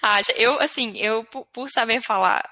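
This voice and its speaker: A woman's voice: a little high, moderate pace, dry recording. A woman who teaches English online, chatting casually in an interview and laughing often. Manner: lively, laughs often, acts out quotes of students.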